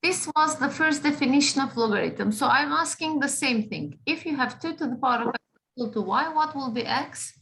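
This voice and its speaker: A woman's voice: high-pitched, animated, brisk, background noise. A woman teaching a math class, patient, often checking in with the students. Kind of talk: classroom lesson.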